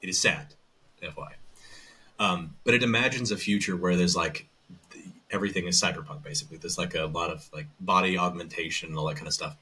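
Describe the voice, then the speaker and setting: Speaking fast in a low voice that sounds pushed and bright, this Southern guest recounts his story in a casual chat. He voices audiobooks and characters for a living, and his telling wanders, with frequent restarts; a little background noise is audible.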